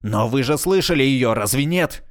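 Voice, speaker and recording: A man's voice: medium pitch, lively intonation, moderate pace, dry recording, studio quality, lightly acted. A male narrator voicing a brash, reckless young space explorer, talking boldly and defiantly. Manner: bold, defiant.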